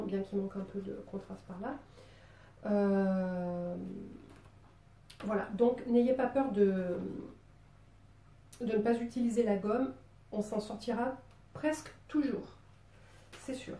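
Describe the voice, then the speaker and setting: A playful woman with a southern French, Marseille accent talks through a drawing tutorial in a loose, chatty way, with plenty of little fillers. Her voice is dark and mellow, and it sits a bit away from the mic in a roomy, echoey space. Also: medium pitch, a little slow, pauses often, distant mic. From Marseille, southern France. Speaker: drawing teacher.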